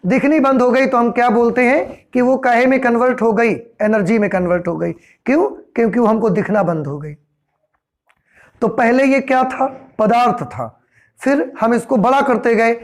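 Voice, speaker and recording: A male teacher giving a classroom lecture, explaining step by step, repeating phrases and posing questions he answers himself. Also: very high voice. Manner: asks rhetorical questions and answers them himself; repetitive, explanatory.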